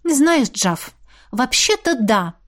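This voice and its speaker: A woman voicing a sharp-tongued young woman studying magic, exasperated and defiant, her voice pushed higher. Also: big pitch swings, slow pace, exaggerated voice. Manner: exasperated, defiant, raised pitch. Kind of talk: audiobook character reading.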